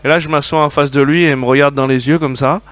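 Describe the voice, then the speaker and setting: A man preaching a sermon, telling personal stories in a lively way and often asking his listeners whether they agree. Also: on the high side, quick pace, no room sound. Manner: lively storytelling, asks the audience for agreement.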